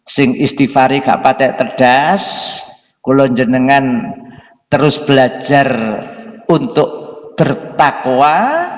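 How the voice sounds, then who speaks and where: A man preaching a sermon, often asking the audience whether they understand. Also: a little high. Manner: mixes in local phrases, asks the audience if they understand. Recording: echoey hall from a distance.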